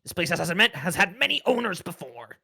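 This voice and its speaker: Someone voicing a defensive, animated little rat. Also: medium pitch, a little fast, gravelly, husky, heavily acted. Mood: defensive, indignant. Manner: defensive, short blunt sentences. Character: small possessive wary male rat living in a cupboard.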